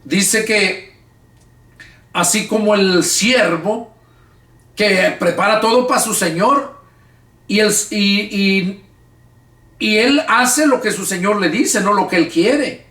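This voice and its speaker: A man's voice: sits high, slow pace, pauses often, bright, forceful tone, roomy sound, far from the mic. A male pastor leading a Bible study, reading scripture aloud and then explaining it in casual, everyday words with frequent restarts. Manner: casual, colloquial speech with repeated restarts.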